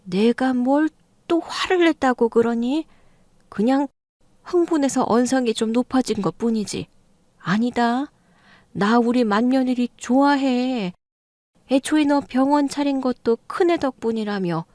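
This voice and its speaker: A woman's voice: a little high, a little slow, darkish tone, dry recording, studio quality, lightly acted. A woman voicing an elderly mother-in-law in an audio drama, defensive and flustered, then pleading. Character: older mother-in-law, stubborn then backpedaling.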